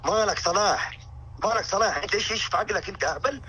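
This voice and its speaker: A man's voice: high-pitched, rapid-fire, sharp tone, breathy edge, poor audio. A man with a Saudi Arabic accent bantering casually in an exasperated, questioning way.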